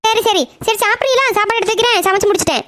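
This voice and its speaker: A woman's voice: very high-pitched, rapid-fire, a bit bright, dry recording. A woman voicing a bossy, fussy old grandmother in a cartoon, scolding as she talks.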